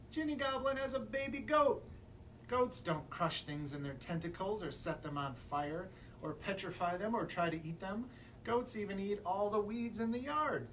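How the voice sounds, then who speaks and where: A man with a high, somewhat bright voice reads a picture book to children as the librarian at story time, animating the tale and posing questions to the kids. The distant mic captures plenty of room noise.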